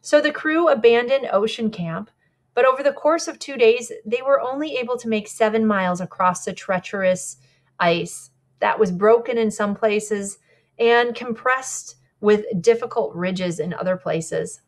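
A woman's voice: on the high side, a little slow. A woman guide giving a slide presentation about a polar expedition, speaking conversationally with small slips and corrections.

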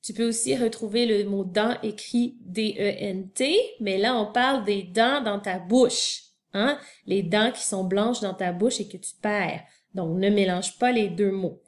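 Woman teacher, spelling lesson for kids, unhurried, spells out each letter, addresses the child. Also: medium pitch. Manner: spells words out letter by letter, talks directly to the child.

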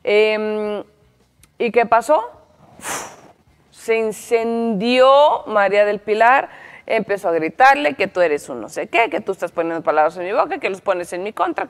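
A woman's voice: medium pitch, long reverb tail. A woman with a Mexican accent giving casual, opinionated commentary on a reality show, chatty with many restarts. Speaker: entertainment commentator.

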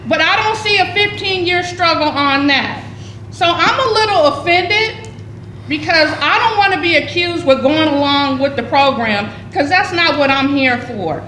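A committee member in her fifties speaks emphatically at a public meeting in a large community center room, repeating her points in impassioned remarks. Her high, animated voice comes at a normal speed, bright and forceful. She's picked up by a table microphone, with the hall echoing and faint room noise behind her.

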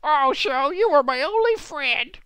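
A man voicing a timid, earnest little boy who pleads in a high, strained voice. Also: big pitch swings, a little slow, pushed and bright, clear, resonant tone, no echo, heavily acted. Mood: weeping.

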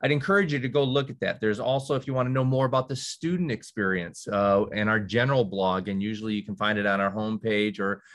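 A man's voice: lowish voice, fast, hardly any pauses, a bit bright. A man representing a college, giving a conversational virtual presentation to counselors, with many fillers and restarts and the odd dry sarcastic aside. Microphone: video call.

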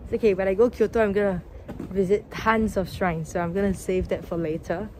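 A woman's voice: mid-range voice, fairly even intonation, brisk, a little mellow. Chatty young woman talking through a face mask. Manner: chatty, upbeat, thinking aloud. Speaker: travel vlogger. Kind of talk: casual vlog chat. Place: outdoors on busy city streets. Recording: outdoor street noise. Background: street and traffic noise.

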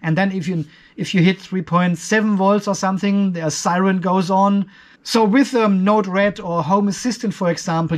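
In an explanatory review video, a man of about fifty with a strikingly high voice compares off-grid tech using a spreadsheet. He breaks the details down methodically and shares what he personally thinks.

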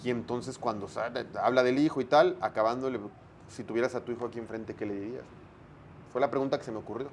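Mexican man telling animated stories. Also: medium pitch, quick pace, a little hiss or hum. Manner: animated anecdote-telling, frequent slang, acts out dialogue. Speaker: sports broadcaster, interview guest. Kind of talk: casual storytelling interview.

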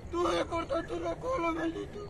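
A man's voice: very high-pitched, flat delivery, moderate pace, vocal fry, crowd noise. A man playing a weeping male nahual, half man with animal legs, who pleads and sobs. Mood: pleading, bitter. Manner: pleading and sobbing.

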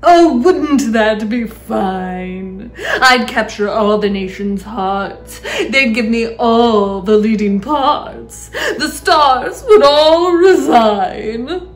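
A woman voicing a vain, bossy, cruel, fat aunt in a storybook, in a theatrical, drawn-out, declaiming manner. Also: on the high side, echoey room, soft background music. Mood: vain, gushing.

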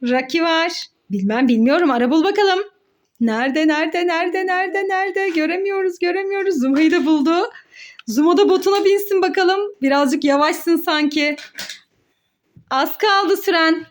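A woman with a very high voice hosts a children's play challenge as a mother, speaking at a normal speed. Her play-along commentary is excited and encouraging, sing-song and full of repeated words.

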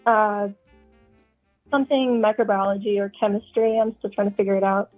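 An eighteen-year-old woman calls in over the phone, her voice squeezed thin by a tinny line. She talks casually and chattily, pausing on ums and starting her sentences over. Faint music plays somewhere behind the call. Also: medium pitch, steady tone. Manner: chatty, hesitant with ums and restarts. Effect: heard over the phone. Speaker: caller. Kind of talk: casual chat.

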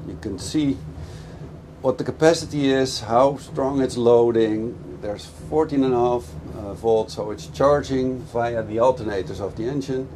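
Speaking at a measured pace in a mid-range voice, this middle-aged man, a boat dealer, reviews a boat in a casual walkthrough while riding a moving motorboat. He explains each feature eagerly, raising his voice over the engine. The clip is full of loud engine and wind noise, with engine and water sounds behind him.

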